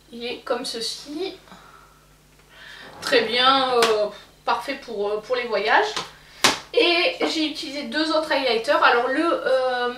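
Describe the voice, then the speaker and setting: A woman's voice: on the high side, bright, forceful tone, reverberant, far from the mic. A woman giving a casual makeup product review as a vlogger, hesitant, with many fillers and restarts. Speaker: beauty vlogger.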